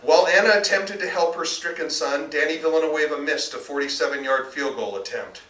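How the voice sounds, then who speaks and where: Reading his novel live to a bookstore audience, an American author speaks on the high side, fairly quickly, with a bright, forceful tone. The distant indoor recording sounds roomy and has faint noise.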